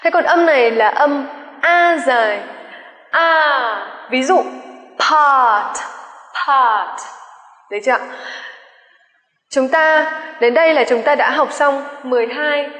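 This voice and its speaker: A woman with a high voice teaches pronunciation at an unhurried pace. She says each example twice and checks in with the class through polite questions. The sound is roomy, with a long reverb trailing each phrase. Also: fairly bright tone. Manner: slow, careful, repeats each example word twice. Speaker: English teacher. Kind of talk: exam-prep pronunciation lecture. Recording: echoey room with long reverb.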